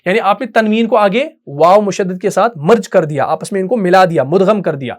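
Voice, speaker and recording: A man teaching Quran recitation in a patient, step-by-step way. He often checks in with his students and chants verses slowly in melodic recitation. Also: high voice. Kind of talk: tajweed lesson.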